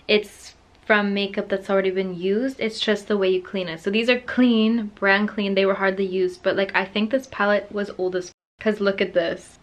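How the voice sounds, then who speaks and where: A young woman chatting excitedly in a casual vlog at home, gushing and swearing freely. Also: mid-range voice. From United Kingdom. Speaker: beauty vlogger. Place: at home, indoors.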